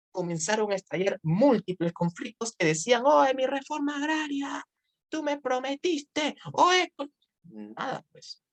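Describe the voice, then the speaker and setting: Chatty Peruvian history tutor, low voice. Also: female voice. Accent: Peruvian Spanish. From Peru. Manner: chatty, with tag questions. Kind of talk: online exam-prep lecture.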